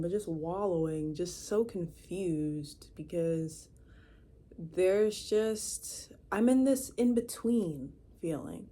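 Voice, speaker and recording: A woman's voice: lowish voice, warm tone. A 23-year-old woman rambling casually to camera in her room, chatty, with lots of fillers and restarts. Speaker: vlogger. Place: her own room indoors.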